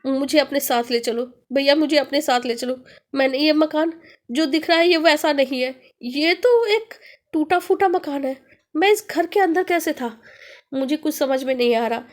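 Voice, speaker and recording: A terrified young tenant begs to be taken away from a haunted house, as a woman storyteller puts him on. His pleading climbs high and strained, and the voice sits well up in pitch throughout. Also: moderate pace, natural voice. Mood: panicked. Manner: panicked pleading, voice rising high. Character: frightened young man renting a haunted house.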